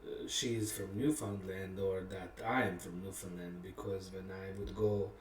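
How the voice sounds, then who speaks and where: A low-voiced songwriter and musician tells a casual, personal story about a song, reflective and candid, with many pauses and fillers, laughing at himself. His intonation is fairly even. A distant mic gives a roomy sound with a little hiss or hum.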